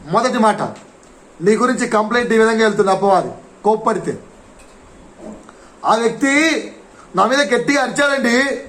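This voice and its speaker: A man's voice: very high voice, fairly bright tone. A man preaching a sermon in church, explaining a verse line by line and asking the congregation questions. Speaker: pastor.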